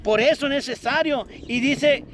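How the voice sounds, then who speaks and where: High-pitched fervent male preacher. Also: normal speed, a bit bright, a little hiss or hum. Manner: fervent, exhorting preaching with repeated phrases. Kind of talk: sermon. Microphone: streamed broadcast.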